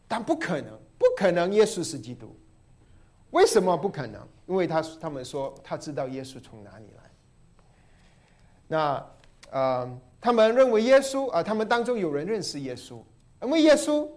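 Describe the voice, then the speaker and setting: Lively preaching man, rising and falling. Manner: expository Bible teaching with repeated phrases; swings between emphatic rises and soft low drops. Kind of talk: sermon.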